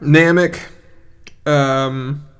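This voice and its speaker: A man's voice: a little high, steady tone, very slow, fairly bright tone, clear, resonant tone. A man co-hosting a podcast in casual chat, enthusiastic and laughing easily. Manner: chatty, laughs easily, enthusiastic fan talk. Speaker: podcast co-host.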